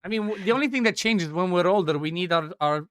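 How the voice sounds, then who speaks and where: A man chats casually on a live game stream, rambling from one thought to the next with quick asides. His voice sits a bit high and comes across smooth and clear. The sound is dry and close, with no room around it. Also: fairly bright tone, no room sound. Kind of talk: casual chat while gaming.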